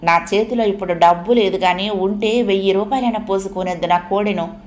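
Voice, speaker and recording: A woman voicing a sly, scheming man in a comic audiobook, reasoning slowly and mockingly. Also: mid-range voice, a little mellow, a little hiss or hum, natural voice. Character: scheming middle-aged man, sly adviser. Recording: roomy echo.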